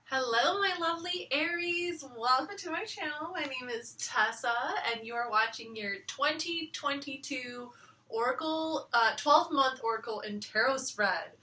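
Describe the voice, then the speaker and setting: A woman reading tarot in casual chat from her living room floor, rambling and relaxed with many fillers. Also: sits high, unhurried, far from the mic, slight background noise. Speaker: tarot reader. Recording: echoey room, from off the mic.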